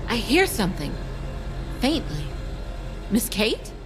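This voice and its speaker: A slow-speaking woman as a nervous servant who addresses her employer with respect. Her pitch moves up and down, over music. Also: big pitch swings. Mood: fearful.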